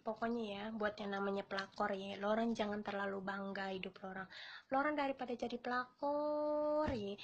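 A woman's voice: high-pitched, slight background noise. A woman chatting on a live stream from her phone, brash, crude and rambling in slangy talk. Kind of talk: casual live-stream chat.

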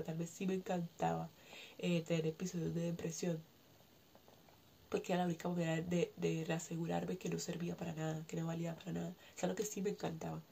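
A woman's voice: on the low side, vocal fry, dark tone, slight background noise. A woman coach talking in a confessional personal vlog, reflective and earnest, often restarting her sentences. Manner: reflective, with frequent restarts and fillers; earnest and self-questioning. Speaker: coach and vlogger.

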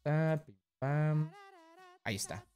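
A man's voice: on the high side, slow, loud music behind the voice. Chatty, cursing male streamer. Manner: chatty, blunt, swears freely; acts out voices in sudden loud bursts. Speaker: streamer reacting to a video. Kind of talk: casual reaction chat.

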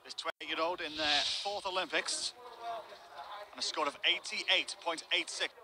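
A male play-by-play commentator with a fairly high voice calls the action live, steady and measured, and he builds excitement at the big moments. Open-air venue ambience hums clearly behind him. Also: noisy background.

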